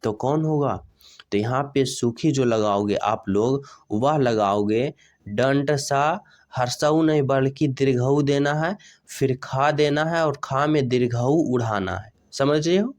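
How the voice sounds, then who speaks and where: A man's voice: medium pitch, takes it slowly, a little mellow. A man teaching an exam-prep grammar lesson, often asking his students questions and repeating the answers back. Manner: repeats questions to students, checks "samajh rahe ho?".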